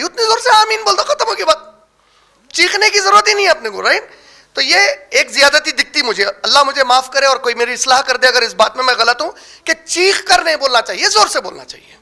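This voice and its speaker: An Islamic preacher gives a religious lecture on prayer rulings in a very high-pitched, bright, forceful voice. Step by step he explains terms, answering the rhetorical questions he raises, and he slows down to emphasize key words.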